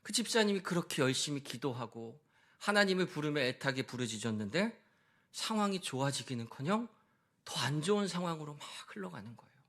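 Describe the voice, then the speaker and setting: Brief: high-voiced man preaching a lively sermon straight to his congregation. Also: brisk. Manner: animated, shifts between hushed and raised voice; addresses the congregation directly. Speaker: pastor.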